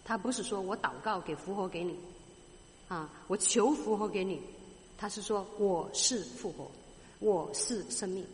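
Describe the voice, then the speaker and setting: A woman's voice: medium pitch, moderate pace, in a large hall, a little hiss or hum. A woman preaching a sermon, explaining a scripture passage with rhetorical questions to her listeners and growing emphatic on key points. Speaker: Bible teacher.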